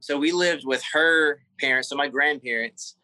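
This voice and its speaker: A man with a Southern US accent, a guest in a personal interview, talking haltingly with many fillers and repeated words. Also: on the high side, sharp tone, dry recording, low-quality recording. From South Carolina.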